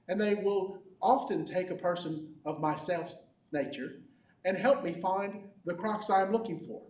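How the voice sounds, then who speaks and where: A man playing a goofy, bumbling croc-hunting adventurer for a kids' comedy skit, rambling with deadpan jokes. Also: a little high, lightly acted. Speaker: children's ministry skit character. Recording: echoey hall from far off.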